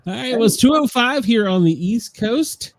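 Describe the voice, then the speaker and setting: A man's voice: extremely high pitch, expressive, normal speed, dry recording. A man hosting a live show in a casual, rambling chat style.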